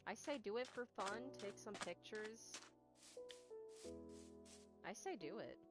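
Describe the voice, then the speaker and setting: Taking it slowly in an expressive, mid-range voice, a young woman raised speaking Spanish chats while playing a game on stream, stuttering and rambling as she speaks to her chat and to the game at the same time, with game music behind.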